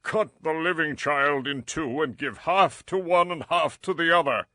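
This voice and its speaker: King Solomon, bright, earnest voice. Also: fairly high pitch, moderate pace, dry recording, studio quality. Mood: commanding. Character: wise, authoritative young king of ancient Israel. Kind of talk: dramatized scripture reading.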